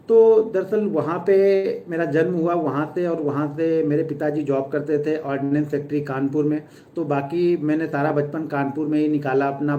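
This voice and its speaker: A man in his thirties from Uttar Pradesh, a stock trader chatting fast and earnestly with viewers on a live stream. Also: fairly high pitch, warm tone, muffled recording, slight background noise. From Uttar Pradesh, India. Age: 30s.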